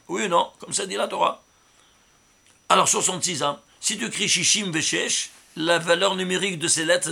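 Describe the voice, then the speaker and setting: A man's voice: sits high, vocal fry. A man, a rabbi, giving a Torah commentary, emphatic and often asking his listeners rhetorical questions. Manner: emphatic, stresses words loudly. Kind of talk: Torah commentary with number interpretation.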